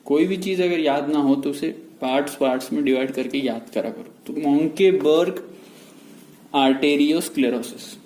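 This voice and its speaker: A man giving a medical lecture in a mix of Hindi and English. He explains slowly and repeats key terms. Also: medium pitch, dark tone. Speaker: medical teacher. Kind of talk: whiteboard lecture. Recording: echoey room with faint noise.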